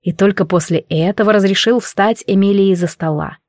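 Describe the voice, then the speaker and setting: A woman reading a novel aloud as an audiobook narrator, in an even, measured way. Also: medium pitch, no room sound, studio quality. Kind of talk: scripted narration.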